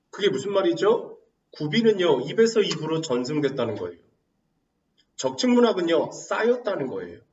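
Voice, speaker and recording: A man teaching literature in a lively lecture, firing rhetorical questions and teasing his students. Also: fairly high pitch, reverberant, far from the mic, lo-fi sound, slight background noise. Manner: asks rhetorical questions and answers himself, teasing. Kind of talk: animated classroom lecture.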